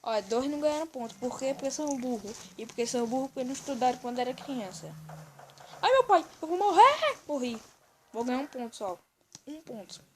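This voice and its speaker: A woman with a Brazilian accent giving excitable, running commentary on a game she is playing for a video, often telling the viewer to look. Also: on the high side, fast talker, noisy background. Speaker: gaming video host. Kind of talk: let's-play gameplay commentary. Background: faint game music.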